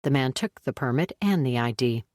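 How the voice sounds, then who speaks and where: A woman narrating a thriller audiobook in a measured, even way. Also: very deep voice, no room sound, studio quality. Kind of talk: scripted narration.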